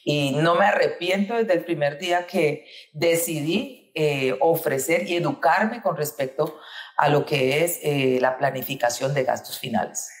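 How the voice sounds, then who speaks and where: A woman's voice: sits low, measured pace, reverberant. A woman with a Colombian accent, a guest in an interview, telling her career story fluently. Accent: Colombian Spanish. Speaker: guest, insurance agent. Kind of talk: interview conversation.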